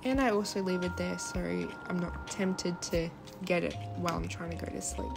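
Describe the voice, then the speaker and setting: A woman's voice: fairly low pitch, steady tone, normal speed, gravelly. A young woman with a lisp and slushy s sounds, narrating her daily routine in a chatty, informal vlog voice-over. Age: young adult. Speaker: vlogger. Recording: background music. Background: music.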